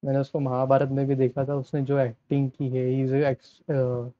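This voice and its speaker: A man's voice: mid-range voice, monotone, normal speed, no echo. Casual young guy reacting to a trailer, muffled lo-fi mic, keeps trailing off and restarting. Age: young adult. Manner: chatty, mixes Hindi and English, trails off and restarts. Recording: dull, lo-fi dry sound.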